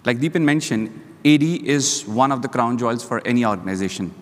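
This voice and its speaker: Speaking on a conference stage as a security leader on a panel, a man delivers a structured, list-like talk through a lapel mic. His mid-range voice is expressive and brisk, and the hall is reverberant.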